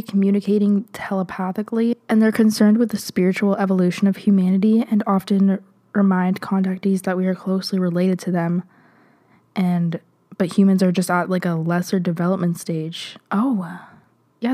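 A woman's voice: mid-range voice, mellow. A young woman hosting a solo podcast, chatting casually with lots of "like" and giggles, her voice slightly nasal. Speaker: podcast host.

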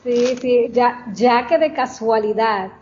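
Cheerful female guest, higher voice, muffled remote audio with faint noise. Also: takes it slowly, darkish tone. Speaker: podcast guest. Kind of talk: casual chat. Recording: distant, dull, faint noise.

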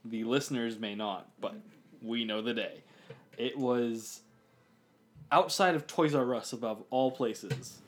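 A man's voice: mid-range voice, unhurried. A man chatting casually on a podcast, rambling and restarting his sentences. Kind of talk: casual chat.

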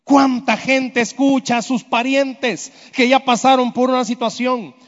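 A man's voice: extremely high pitch, steady tone, a little slow, fairly bright tone. A man preaching a sermon in a church, emphatic, asking the congregation question after question. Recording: dull sound with long hall reverb.

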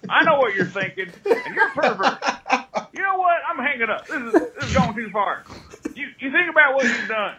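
A man's voice: very high voice, big pitch swings, normal speed, pushed and bright. A man leaving a joking voicemail for a show, laughing through his words, played back as a phone message. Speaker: caller.

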